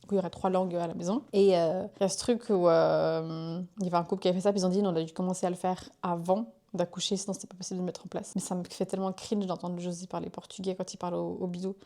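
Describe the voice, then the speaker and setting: Pregnant young woman rambling to camera, fast talker, warm mellow voice. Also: lowish voice, flat delivery. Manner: chatty, rambling, self-interrupting. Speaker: vlogger. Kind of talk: casual chat to camera.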